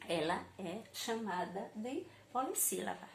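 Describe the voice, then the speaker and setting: A woman's voice: mid-range voice, lively intonation, unhurried, a little hiss or hum. A Brazilian woman primary school teacher giving a recorded class to young children, stretching out key words syllable by syllable in a patient, sing-song teaching voice. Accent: Brazilian Portuguese.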